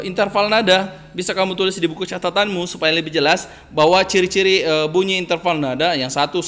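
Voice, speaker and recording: Bright-voiced male teacher, halting and gentle. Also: fairly high pitch. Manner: hesitant, many fillers, gently admonishing. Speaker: primary school teacher. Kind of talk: recorded online class lesson.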